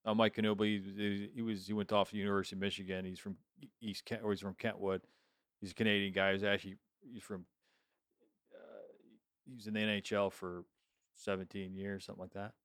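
A man's voice: fairly low pitch, level tone, fast talker, a bit bright, no room sound, studio quality. A man interviewing a guest in a casual conversation, chatty and easily sidetracked. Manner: chatty, sidetracks into hockey talk.

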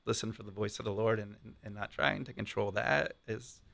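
A man speaking as a priest and guest in an unscripted conversation, thoughtful and encouraging, in halting phrases. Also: lowish voice, gravelly, bright, forceful tone.

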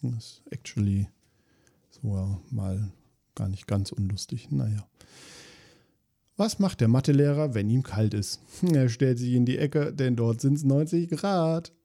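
A man's voice: mid-range voice, a little slow, vocal fry, dark tone. A man hosting a podcast, reading jokes aloud in a dry, weary, self-mocking way, with asides between them.

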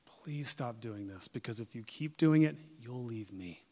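A man voicing a gentle, loving God who pleads softly and quietly. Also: mid-range voice, animated, measured pace. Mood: pleading. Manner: soft, hushed pleading.

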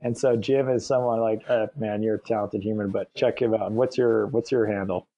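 Warm-voiced man, dull audio. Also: lowish voice, fairly even intonation, a little fast, no room sound. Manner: enthusiastic, hyping others up. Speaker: guest. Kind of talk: casual interview talk.

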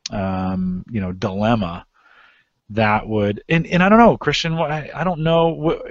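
A man's voice: mid-range voice, steady tone, unhurried, dry recording, dull audio. A man hosting a casual discussion, talking in loose, rambling sentences full of restarts and fillers. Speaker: podcast host.

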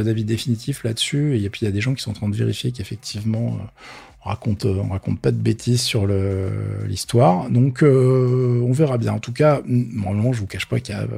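A man with a gravelly, husky voice chats about tech in a loose, slangy way, full of fillers. His tone is dark and mellow and his mouth is dry from thirst. The recording is close and dry, with no room around him. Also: mid-range voice, no room sound. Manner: chatty, slangy, many fillers. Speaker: tech commentator. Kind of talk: casual tech news chat.

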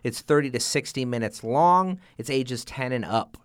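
A man's voice: mid-range voice, animated, moderate pace, smooth, dry recording, studio quality. A man hosting a podcast, chatting casually and enthusiastically about comics and board games. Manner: enthusiastic, informal. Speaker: podcast host.

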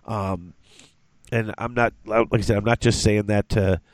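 A man's voice: lowish voice, steady tone, no room sound. Congested man rambling on a podcast. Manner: rambling, halting, many restarts. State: congested from a cold. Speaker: podcast host. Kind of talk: casual podcast chat.

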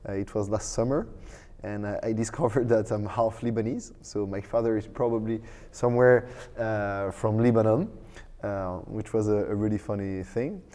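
In a large hall at a tech conference, a startup co-founder from France speaks as an interview guest in a lowish, dark voice at normal speed. He's in his thirties, has a French accent, and the casual conversation is marked by hesitation, frequent fillers and restarts.

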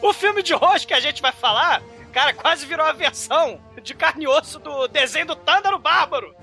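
A man's voice: very high voice, expressive, normal speed, bright, forceful tone, faint music behind. A Brazilian man co-hosting a podcast with comic, irreverent casual chat. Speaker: podcast co-host.

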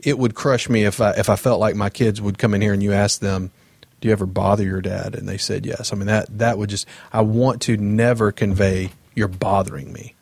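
Earnest low-voiced man on a podcast. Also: flat delivery, fairly quick, creaky, darkish tone, no echo. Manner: earnest, thoughtful, some restarts. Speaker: podcast co-host. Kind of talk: casual chat.

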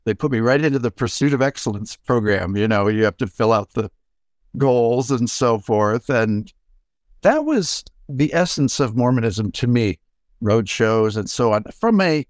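An older man, a music professor, giving a reflective, halting acceptance talk full of pauses and restarts. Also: mid-range voice, sing-song, dry recording, clean studio sound. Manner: halting, many fillers and restarts. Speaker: award recipient, music professor.

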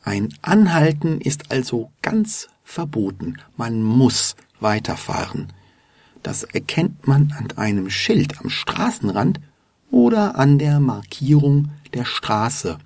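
A man narrating a scripted language lesson as host, explaining words slowly and with careful stress. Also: mid-range voice, big pitch swings, a little mellow, no room sound, studio quality. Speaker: language teacher, podcast host.

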